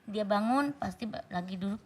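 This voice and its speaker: Middle-aged woman, guest's mother, plain, halting, casual answers. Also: medium pitch. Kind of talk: casual chat. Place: TV studio.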